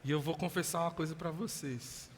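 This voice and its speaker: A male Brazilian pastor giving a lively sermon, acting out voices with laughing asides. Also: a little high, fairly quick, a little hiss or hum. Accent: Brazilian Portuguese. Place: church hall. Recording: long hall reverb.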